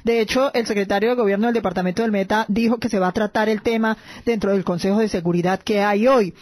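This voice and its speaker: A woman's voice: medium pitch, steady tone, fast talker, a little mellow, no room sound. A woman hosting a radio news interview, asking probing questions with frequent hesitant fillers.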